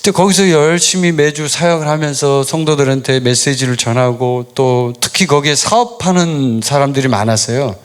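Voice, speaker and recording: A middle-aged man, a pastor, preaching a sermon in a relaxed storytelling way, asking questions and answering them himself. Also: medium pitch, normal speed, hardly any pauses, clean tone. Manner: storytelling, conversational, asks and answers his own questions. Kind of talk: sermon with personal stories.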